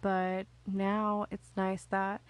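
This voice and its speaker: A woman's voice: medium pitch, monotone, extremely slow, no echo. A woman in her thirties co-hosting a podcast, chatting in a giggly, confessional way. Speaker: podcast co-host. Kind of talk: casual chat.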